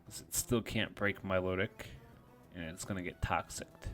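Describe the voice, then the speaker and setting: A man's voice: deep voice, fairly even intonation, normal speed, a bit bright, faint music behind. A man giving casual, self-deprecating play-by-play commentary on a competitive game, thinking aloud as he goes.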